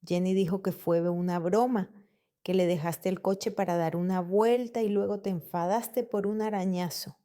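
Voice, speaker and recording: A woman's voice: mid-range voice, steady tone, normal speed, warm tone, natural voice. A woman voicing a tired, dismissive middle-aged mother in a weary, brushing-off manner within a read-aloud story.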